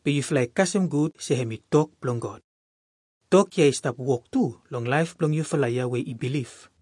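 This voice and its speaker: A man's voice: mid-range voice, moderate pace, a little mellow, breathy edge, dry recording, clean studio sound. A man with a Melanesian Pidgin accent, reading Bible verses aloud as a scripture reader.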